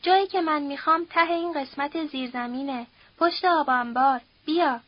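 A woman's voice: high-pitched, highs cut off, close to an everyday voice. A woman reading an audiobook, voicing a large, domineering aristocratic man who gives curt, impatient orders. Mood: urgent, commanding.

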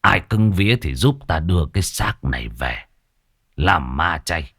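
A man's voice: deep voice, animated, a little slow, fairly bright tone, breathy edge, dry recording, studio quality, pitched below the performer's own voice, full character voice. A man doing a grim muttering old exorcist. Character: low hushed older male village exorcist, grim.

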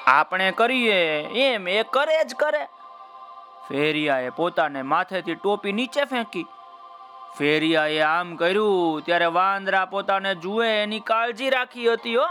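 A man's voice: high voice, measured pace, faint music behind. A man telling a folk tale to children, speaking directly to his young listeners. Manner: warm, addresses young listeners directly by name. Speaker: children's storyteller. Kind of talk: children's story narration.

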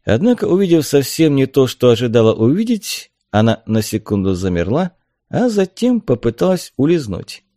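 In a mid-range voice, a male narrator reads an audiobook in a steady, expressive storytelling style, captured as clean studio audio with no echo.

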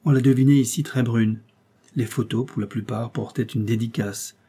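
A man reading a novel aloud in measured, steady scripted narration. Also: mid-range voice, husky. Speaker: audiobook reader.

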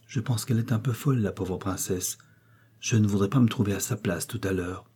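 A man's voice: fairly low pitch, brisk, slightly rough. A man murmuring as a gossiping house servant. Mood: hushed. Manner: murmured, hushed aside.

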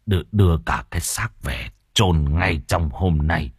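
A man's voice: very deep voice, animated, measured pace, breathy edge, dry recording, clean studio sound, voice pushed down, exaggerated voice. A man voicing an exhausted old exorcist in his seventies, murmuring faintly and out of breath, in an audio storybook. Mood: weary urgent. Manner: faint, weary whisper-like murmur.

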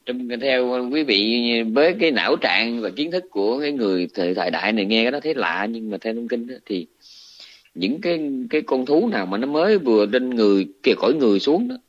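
Male monk, Southern Vietnamese accent, casual storytelling sermon, mid pitch, muffled lo-fi sound. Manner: colloquial, animated retelling with restarts. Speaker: Buddhist monk teacher. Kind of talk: dharma talk storytelling. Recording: dull lo-fi recording.

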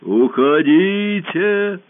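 A slow-witted forest monster bellows each word in a hollow, drawn-out voice, as a man puts it on for a storybook. The sound is thin and phone-like, with no room around it. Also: high voice, animated, dry recording, pitched above the performer's own voice, exaggerated voice. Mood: booming. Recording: narrow phone-like band.

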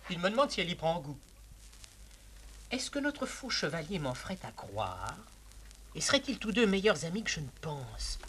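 A sly, scheming valet who talks with wry relish for his own cleverness, his voice swooping up and down. The tone is bright and forceful, in the manner of a 1950s classical stage comedy. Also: fairly high pitch, slight background noise. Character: sly scheming male valet, mocking and talkative.

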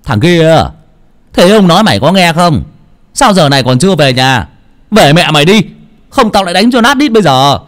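A man playing a gruff village man who scolds loudly, in an audio storybook. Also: fairly low pitch, wildly swooping pitch, normal speed. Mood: shouting. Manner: gruff, shouting when scolding.

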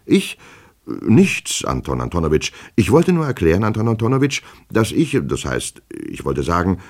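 Give me a man voicing a jittery official who stumbles over his words, husky. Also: extremely low pitch, big pitch swings, moderate pace, heavily acted. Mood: pleading. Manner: stammering, pleading, rambling. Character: nervous, fawning male official, anxious and flustered. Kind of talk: audiobook character reading.

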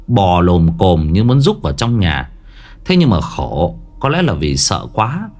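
Brief: male storyteller, lively, swooping delivery, faint music bed. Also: mid-range voice. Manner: animated, dramatic. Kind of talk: ghost story narration.

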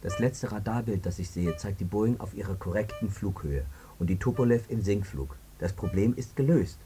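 A man's voice: lowish voice, expressive, normal speed, over music, natural voice. An actor playing a male air traffic controller who answers in terse, defensive lines, in a radio drama. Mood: subdued.

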